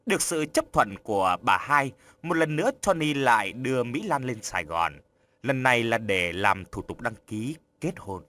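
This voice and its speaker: A man reading an audiobook story aloud in an expressive storytelling manner. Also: medium pitch, moderate pace. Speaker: narrator. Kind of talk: scripted audiobook narration.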